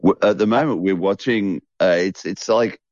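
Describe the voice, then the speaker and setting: A man co-hosting a podcast in relaxed casual chat, jokey and rambling, often repeating himself. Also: sits low, moderate pace, no echo, dull audio. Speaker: podcast co-host. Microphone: studio mic.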